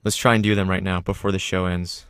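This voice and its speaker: A man's voice: low voice, flat delivery, quick pace, fairly bright tone, smooth, no room sound. A young man hosting a podcast in playful, teasing casual chat. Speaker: podcast host.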